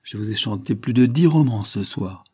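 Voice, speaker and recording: A man voicing a gentle, loving young noblewoman in an audiobook. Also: lowish voice, animated, normal speed, husky. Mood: tender.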